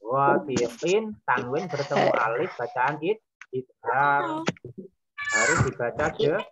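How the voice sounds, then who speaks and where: A woman teacher patiently explaining recitation rules, modelling each word slowly and repeating it. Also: sits low, huge pitch swings, dull audio, noisy background. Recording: loud crowd of pupils behind.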